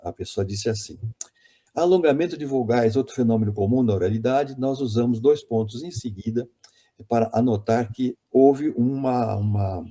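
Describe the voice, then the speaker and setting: A man's voice: medium pitch, dark tone, husky. A man giving an academic conference lecture on linguistics, hesitant and self-correcting, often repeating words.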